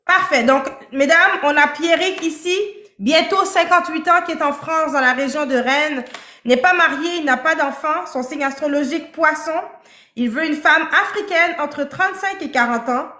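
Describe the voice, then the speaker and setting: A woman with a high, bright voice hosts a live-stream dating show and keeps pressing her guest with probing questions. The sound is roomy and echoey. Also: moderate pace.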